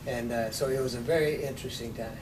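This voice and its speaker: Man in his nineties telling stories. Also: steady tone. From Texas. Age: 90s. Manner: unhurried storytelling with dry humor. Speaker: interviewee. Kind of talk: oral history interview. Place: office with large windows. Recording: distant mic, rumbling noise.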